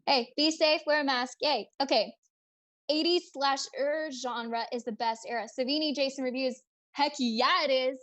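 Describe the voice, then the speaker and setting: Young woman streaming from home, high voice, bubbly and chatty, reading out comments from the chat. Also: steady tone, moderate pace, a bit bright. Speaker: livestream host. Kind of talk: casual livestream chat.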